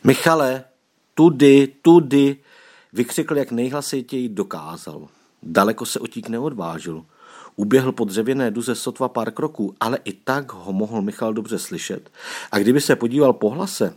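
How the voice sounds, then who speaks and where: A man narrating an audiobook chapter in an expressive, storytelling manner. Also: on the low side, slightly rough.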